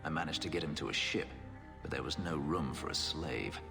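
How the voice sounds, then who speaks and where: Over background music in a big-sounding room, a bass-voiced man speaks fairly quickly with vocal fry. He is an actor playing a brooding, wry escaped slave in a fantasy game, recounting his past dryly with a bitter, reflective air in cinematic dialogue.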